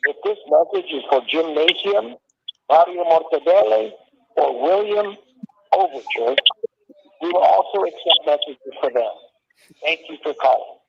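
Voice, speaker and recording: Gravelly man's voicemail greeting over a phone. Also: a little high, lively intonation, a little slow. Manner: mock-formal answering-machine delivery. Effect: recorded voicemail greeting heard over a phone line. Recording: muffled phone line.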